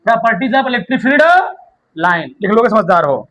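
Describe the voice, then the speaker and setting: A man teaching a class in a strikingly high voice with a sharp, bright edge. He dictates notes word by word, repeating key terms, and keeps quizzing his students to check they follow. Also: expressive, slow pace, highs cut off.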